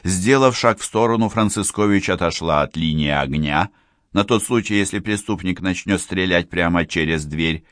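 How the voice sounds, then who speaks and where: A man reading a crime thriller as an audiobook narrator, measured and expressive. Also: low-pitched, dry recording, clean studio sound. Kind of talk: scripted narration.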